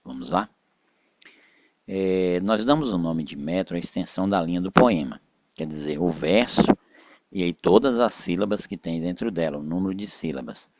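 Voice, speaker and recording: A man's voice: deep voice, dry recording. A Brazilian man teaching poetic meter in a video lesson, patiently explaining step by step and counting syllables aloud. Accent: Brazilian Portuguese. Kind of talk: slide-based video lesson.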